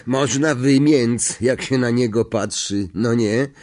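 A man voicing a loud, excitable young bus conductor who gossips in slang for an audiobook. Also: medium pitch, takes it slowly, voice pushed up, lightly acted. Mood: boisterous gossip. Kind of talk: audiobook character voice.

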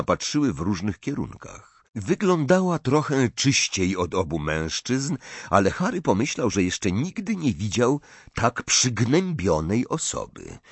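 A man reading a story aloud as an audiobook narrator, in expressive scripted narration on a close mic. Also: deep voice, no room sound.

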